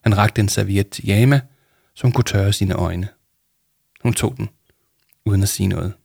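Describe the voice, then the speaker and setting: A man reading a children's book aloud in a steady storytelling manner, with small slips. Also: lowish voice, creaky, dry recording, clean studio sound. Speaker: reader.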